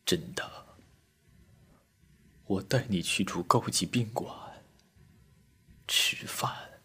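Male storyteller as a young soldier in grief, tearful murmur, husky. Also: low-pitched, very slow, whispered, heavily acted. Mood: grieving murmur. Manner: tearful, murmuring, bursts into shouts. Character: grieving young male soldier, mourning a comrade.

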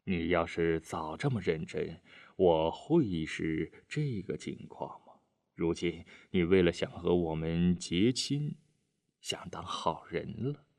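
Man doing a grumpy retired soldier, bitter and tired, low and quiet, dry. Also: measured pace, no room sound. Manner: bitter, curt, sighing. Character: bitter retired army man, gruff, weary.

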